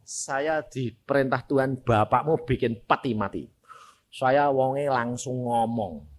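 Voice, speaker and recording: A man's voice: mid-range voice, takes it slowly. A middle-aged man preaching a sermon in with a tinge. He tells personal stories bluntly and addresses the congregation directly. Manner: blunt, animated storytelling, speaks directly to the congregation.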